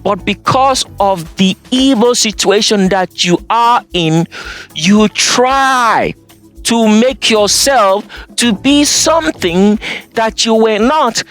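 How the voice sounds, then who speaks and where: A speaker with an African accent delivering an insistent preaching monologue, stressing words hard and dropping to low asides. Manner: emphatic, insistent, swings between loud and low. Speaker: channel host. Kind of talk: preaching monologue over slides.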